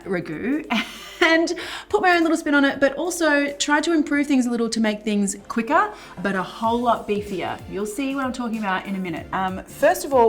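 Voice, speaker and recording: A cooking show host, a woman, runs a relaxed demonstration in a kitchen, chatting playfully and laughing at herself. Her voice is medium in pitch and a bit bright.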